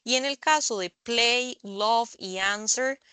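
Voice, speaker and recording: A woman tutoring English over a video call, explaining slowly and patiently, often checking in with the students. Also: a little high, sharp tone, clear, resonant tone, dry recording. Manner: slow, patient explaining with frequent "¿verdad?". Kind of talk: online tutoring session. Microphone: computer mic on a video call.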